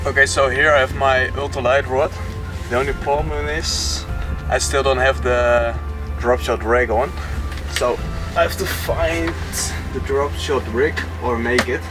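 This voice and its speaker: A young man talks casually to the camera outdoors by a canal. He explains things plainly, with relaxed fillers like "um" and "uh". His voice sits at an ordinary pitch, and clear music plays underneath. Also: measured pace. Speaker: angler and vlogger.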